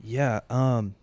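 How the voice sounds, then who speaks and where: A man's voice: mid-range voice, darkish tone, dry recording. A man in his twenties hosting a podcast on his own, talking in a loose, rambling way with lots of "like" and casual swearing. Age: 20s. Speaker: podcast host. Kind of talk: casual solo podcast monologue.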